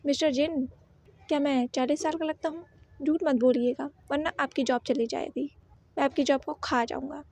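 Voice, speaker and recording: A woman's voice: sits high, fairly even intonation, moderate pace, a little mellow. A woman voicing a stern male company president in his thirties who questions his staff coldly. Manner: cold, threatening questions.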